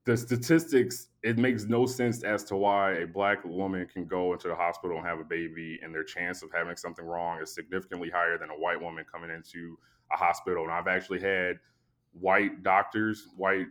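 A sleepy man hosting a podcast, telling a long story in a casual, animated, profane way and acting out both sides of the exchange. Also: deep voice, a little fast. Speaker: podcast host.

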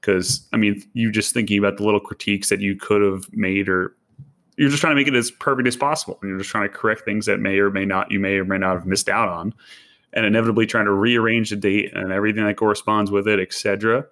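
Young male podcast co-host, slangy and animated, voice a bit low. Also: fast talker. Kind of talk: casual chat.

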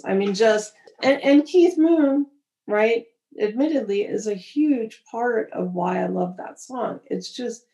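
A woman's voice: mid-range voice, creaky, warm tone. A woman in casual conversation, blunt and opinionated. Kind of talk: casual music chat. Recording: echoey room.

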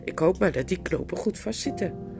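A woman voicing a nervous, cautious schoolboy making quick, uneasy remarks. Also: lowish voice, lively intonation, creaky, music in the background.

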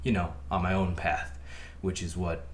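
A man in his twenties, a guest on a podcast, talking in a relaxed, easygoing and self-deprecating way. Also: low-pitched, normal speed, a little hiss or hum. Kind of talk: casual podcast chat.

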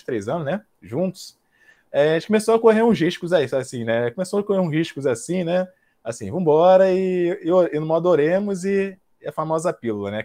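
A man's voice: mid-range voice, a little mellow. A man in his late twenties, a guest on a casual podcast interview, who talks in a chatty, self-mocking way. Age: 20s. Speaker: podcast guest, young father.

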